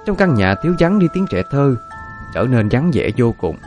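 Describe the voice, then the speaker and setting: A man narrating a dark story in a dramatic, expressive reading. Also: mid-range voice, normal speed, soft background music. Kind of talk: scripted narration of a ghost story.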